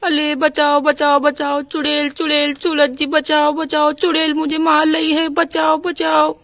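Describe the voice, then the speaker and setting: A woman's voice: high voice, completely flat delivery, measured pace, fairly bright tone, dry recording, pitched below the performer's own voice. A woman voicing a young village wife and mother in a doll storybook, with a pleading, frightened manner. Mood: scared. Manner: pleading, crying for help.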